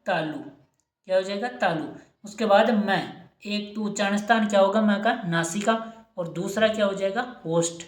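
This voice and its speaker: A woman's voice: mid-range voice, normal speed. A woman teaching an exam-prep lesson, asking questions and answering them herself, repeating each key term. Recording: echoey room.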